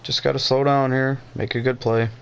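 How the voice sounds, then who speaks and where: A man's voice: medium pitch, level tone, normal speed, vocal fry, a bit bright, slight background noise. A man giving casual commentary while playing a football video game, muttering play-by-play and cursing in frustration. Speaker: gaming video creator.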